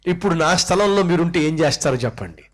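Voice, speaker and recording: Animated male pastor preaching. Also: on the high side, fast. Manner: animated, questions the congregation directly. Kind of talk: sermon with storytelling. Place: church, preaching to a congregation.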